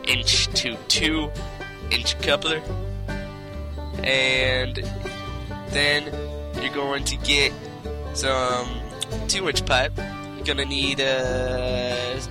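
A man's voice: mid-range voice, little pitch movement, extremely slow, long pauses, music in the background. A man doing a rambling Southern how-to host. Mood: instructional. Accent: put-on American Southern. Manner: rambling, stumbling over part names. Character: folksy male how-to show host.

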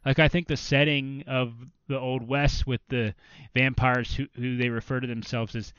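A man's voice: medium pitch, little pitch movement, normal speed, fairly bright tone, clear, resonant tone, no room sound, lo-fi sound. A man co-hosting a podcast, chatting casually and rambling with lots of fillers. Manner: rambling, filler-heavy, restarts often. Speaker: podcast co-host. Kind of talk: casual chat about video games.

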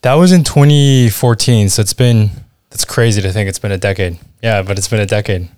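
A man's voice: on the low side, brisk, clean tone, dry recording, clean studio sound. A man in his thirties with an American accent, a guest chatting casually in an interview with many ums. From Washington, D.C. area, USA. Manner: relaxed, chatty, frequent ums and uhs. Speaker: guest, e-commerce manager.

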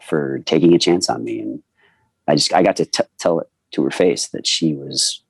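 A man in his forties, a voice actor telling animated anecdotes in a casual interview and acting out the people he quotes. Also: very deep voice, moderate pace, vocal fry, husky, no room sound. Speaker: voice actor guest.

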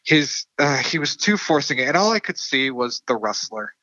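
Bright-voiced man rambling about a movie. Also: medium pitch, big pitch swings, normal speed, no echo, lo-fi sound. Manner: rambling, many fillers and restarts. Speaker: podcast co-host. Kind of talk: casual movie discussion.

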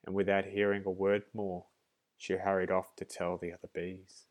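Deep-voiced man reading a storybook. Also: monotone, normal speed. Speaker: narrator.

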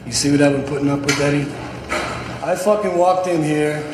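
A man's voice: on the high side, fairly even intonation, a little fast, natural voice. A man playing a cool, mocking criminal in a crime film, with a casual, dismissive drawl. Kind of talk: 1990s crime film acting. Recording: echoey film sound with hiss.

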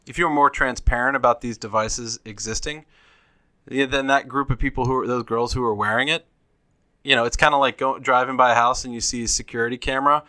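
A man with a bright, forward voice talks loosely in a casual podcast chat. He rambles and speculates, often restarting his sentences. The sound is dry and close, with little room. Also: mid-range voice, steady tone, a little fast, dry recording. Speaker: podcast co-host.

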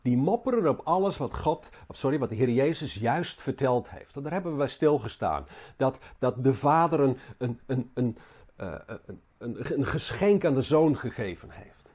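Husky, mellow preacher. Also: male voice, medium pitch, animated. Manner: halting, repeats words, rises and falls in emphasis. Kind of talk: sermon.

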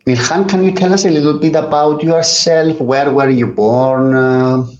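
A woman's voice: sits low, fairly even intonation, normal speed, a little mellow. A woman hosting a podcast, asking short questions and giving brief prompts to her guest. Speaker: podcast host. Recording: dull lo-fi sound.

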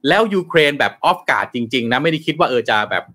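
A man's voice: mid-range voice, animated, a little fast, sharp tone. A man discussing world news on a talk show, speaking emphatically with frequent restarts and tag particles. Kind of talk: casual discussion of current affairs.

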